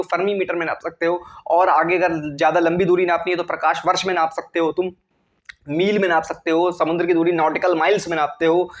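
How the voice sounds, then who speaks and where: The recording is lo-fi, carrying a high male voice as a chemistry teacher lectures his class. He keeps asking questions aloud, then answering them on his own.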